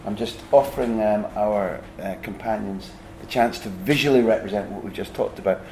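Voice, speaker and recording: A man's voice: lowish voice, moderate pace, darkish tone, a little hiss or hum, rough recording. A man hosting a conversational interview, putting long, winding, reflective questions to his guest. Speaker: interviewer, podcast host.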